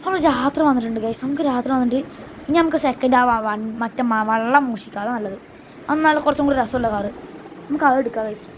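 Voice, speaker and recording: A woman's voice: on the high side, quick pace, slight background noise. A woman hosting a gaming channel, chatting casually through her gameplay and often repeating herself. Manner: chatty, repeats herself, slangy address to viewers.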